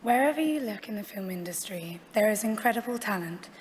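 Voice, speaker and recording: A woman's voice: mid-range voice, animated, fairly quick. A woman presenting an award, reading a scripted speech on stage in a large auditorium. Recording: echoey hall with loud audience noise.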